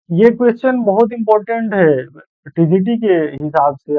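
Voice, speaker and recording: A man's voice: high voice, no echo. A man teaching an exam-prep literature lecture, repeating key points and correcting himself as he goes. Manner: explains in Hindi mixed with English terms, repeats points, self-corrects. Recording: dry, phone-like tinny sound.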